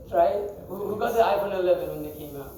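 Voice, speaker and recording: A man teaching a scripture class to a group in a temple, talking conversationally, quizzing the audience and laughing often. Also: high voice. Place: temple hall. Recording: echoey hall, mic far off.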